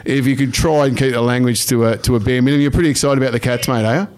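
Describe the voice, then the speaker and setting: A man's voice: medium pitch, steady tone, very fast, darkish tone. A man with an Australian accent co-hosting a radio show, joking and teasing in casual banter. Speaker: radio co-host.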